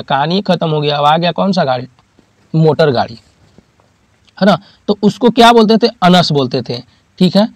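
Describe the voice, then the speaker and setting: A man teaches in a high, clear voice, and the recording is close and dry. He keeps asking listeners questions and then answers them himself. He repeats each key term, and his examples come from daily life. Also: no room sound. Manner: uses homely examples, repeats key terms. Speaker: exam-prep teacher. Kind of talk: classroom lecture.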